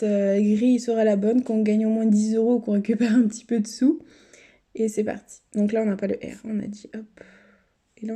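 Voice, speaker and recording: A woman's voice: a little high, mellow. A woman YouTuber giving casual running commentary to her viewers, chatty, sometimes dropping to mutters and whispers. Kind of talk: casual running commentary while scratching lottery tickets. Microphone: camera set up on a table.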